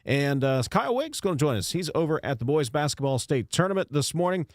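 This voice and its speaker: A man's voice: on the high side, big pitch swings, brisk, no room sound, clean studio sound. A man with an Appalachian accent hosting a radio talk show in a folksy, informal, conversational way. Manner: folksy, informal, self-deprecating. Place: radio studio.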